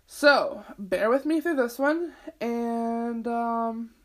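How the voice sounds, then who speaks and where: Speaking very slowly in a somewhat high, bit bright voice, a podcast host in her twenties rambles along casually. She leans on "like," curses freely, and has a sniffly, itchy throat.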